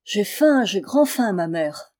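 A woman reading aloud and voicing the sun as a loud, hungry male giant. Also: medium pitch, animated, normal speed, close to an everyday voice.

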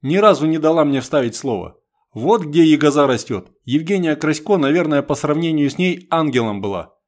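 A man's voice: a little high, lively intonation, moderate pace. A man reading a first-person war novel aloud as an audiobook narrator, in a wry, conversational way. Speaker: audiobook reader.

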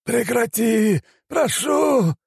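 A man's voice: extremely high pitch, lively intonation, very slow, creaky, darkish tone, slightly rough, dry recording, studio quality, pitched above the performer's own voice, full character voice. A man doing a wailing, panicked mage. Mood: begging. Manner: wailing, pleading shrieks. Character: panicked male mage, begging and snarling.

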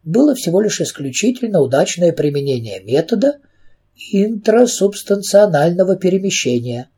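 Stern storybook governess witch, indignant and fussy, mellow husky tone, read by a man. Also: sits high, sing-song, moderate pace, voice pushed up, heavily acted. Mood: flustered. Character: stern prim middle-aged governess witch.

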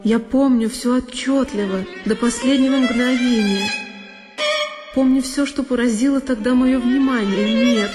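This is intense, theatrical narration of a literary one-woman audio play, scripted and dramatic, set against solo violin music. The woman's voice sits fairly high, holding a steady tone at a slightly slow pace.

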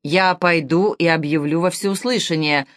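A woman's voice: fairly low pitch, moderate pace, no echo, clean studio sound, lightly acted. A woman reading the lines of an impulsive, loyal male knight in an audiobook, exclaiming with indignation. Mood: indignant.

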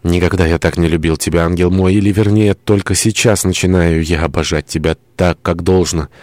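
A man's voice: sits low, fairly even intonation, brisk, darkish tone, no room sound, lightly acted. A man voicing a tormented young lover in an audiobook, speaking fervently and pleadingly.

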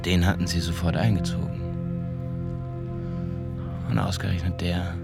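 A low, creaky male voice narrates a first-person radio play monologue over music, playing a disillusioned small-town mechanic who's done time and talks in slang. His delivery is colloquial and halting, like he's thinking it through, with fairly even intonation and a wistful, resigned mood.

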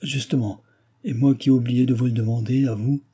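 A man's voice: mid-range voice, fairly even intonation, brisk, warm tone, husky, natural voice. A man voicing a flustered old male servant with a quavering voice.

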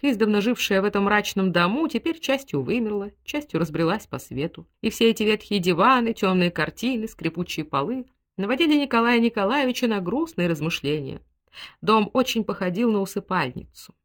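A woman reading a novel aloud as audiobook narrator, with expressive, dramatic delivery. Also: medium pitch. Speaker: audiobook reader. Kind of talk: scripted literary narration.

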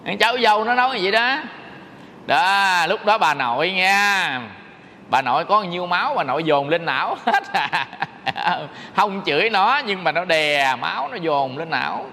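Man, monk's sermon, high voice, long hall reverb, faint hiss. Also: bright, forceful tone. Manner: folksy, quizzes listeners with rhetorical questions. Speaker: Buddhist monk teaching. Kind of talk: dharma talk sermon.

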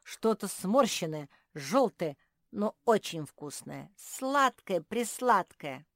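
A woman's voice: mid-range voice, sing-song, slow pace, dry recording, clean studio sound, voice pushed up. A woman voicing a cheeky, teasing squirrel boy in a storybook reading. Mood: sly. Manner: sly, giggling, teasing.

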